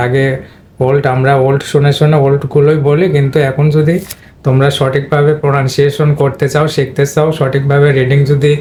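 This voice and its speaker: Flat-voiced man teaching English pronunciation. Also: on the high side, a little hiss or hum. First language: Bengali. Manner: explains step by step, addresses viewers directly; clears his throat now and then. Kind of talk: spoken pronunciation lesson.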